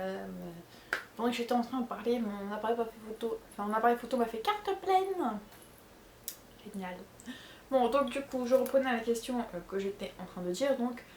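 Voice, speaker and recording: A fairly high, somewhat mellow voice comes with a roomy sound and a little hiss or hum. The young vlogger, a Frenchwoman with a Charente accent, casually responds to viewer questions from her bedroom, rambling, using lots of fillers, and correcting herself.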